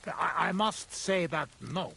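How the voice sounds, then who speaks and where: A gravelly woodcutter. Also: male voice, sits high, slow pace, bright, forceful tone, heavily acted. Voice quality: gravelly, broken grammar. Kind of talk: video game cutscene.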